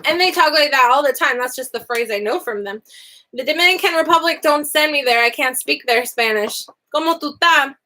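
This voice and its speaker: In a relaxed online lesson, a young woman in her young adult years covers simple Spanish phrases at a fairly quick clip. She's animated and talkative, frequently laughing, her pitch swooping from high to low.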